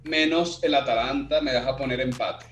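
A man joking quickly in a casual chat among friends. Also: mid-range voice, a bit bright. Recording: roomy echo.

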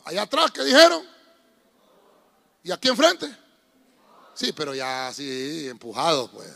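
Pastor preaching in an echoing hall. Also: male voice, fairly high pitch, vocal fry, sharp tone. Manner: emphatic, calls on the congregation to repeat phrases. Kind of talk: sermon. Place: church hall. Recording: long church reverb.

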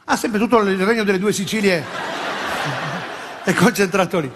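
Male stand-up comic, high-pitched and animated, live hall with noisy ambience. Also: measured pace. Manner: animated, jumps into shouted impressions of regional characters. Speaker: stand-up comedian. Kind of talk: stand-up comedy routine. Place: large theatre stage before a laughing audience. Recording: live theatre recording, long hall reverb, audible ambience. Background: audience laughter.

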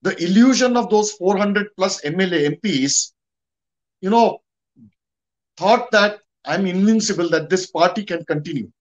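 Indian guy, pretty high voice, guest commentator chatting, stops and starts, repeats stuff for emphasis. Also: moderate pace. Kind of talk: conversational history and politics discussion.

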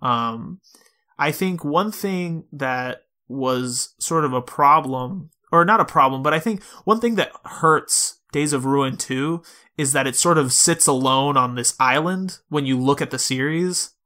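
On a casual video game podcast, a male co-host speaks a little slowly in a fairly high, sharp-toned voice. He reasons through the games conversationally, dropping in asides along the way.

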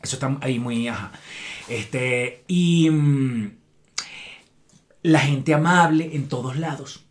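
A man's voice: mid-range voice, slow, long pauses. A Venezuelan man co-hosting a podcast, telling travel stories in casual, slangy chat. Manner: slangy, storytelling, colloquial swearing. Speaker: podcast co-host.

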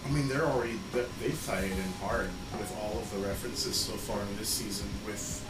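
A man's voice: lowish voice, fairly even intonation, brisk. Casual man in a roomy, music-filled space. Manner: switches between English and Spanish. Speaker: podcast co-host. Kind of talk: casual film and TV chat with profanity. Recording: roomy echo with loud music behind. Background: loud music.

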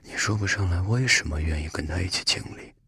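A man voicing a gentle, advice-giving little hedgehog in a breathy whisper. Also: sits low, fast, heavily acted. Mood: tender. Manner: soothing, advising.

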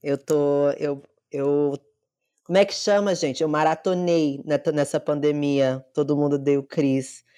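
Mulher brasileira falando solta, som seco. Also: female voice, low voice, fairly even intonation, a little slow, dark tone, clear, resonant tone, no room sound, studio quality. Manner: chatty, talks to the listeners directly. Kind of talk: casual chat in an online audio room.

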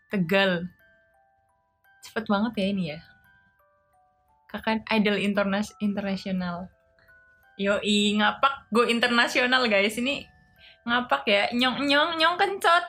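A woman's voice: medium pitch, a bit bright. Playful woman chatting on a live stream. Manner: playful, laughs often, reads viewer comments aloud; tries out simple Japanese phrases. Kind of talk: casual live stream chat.

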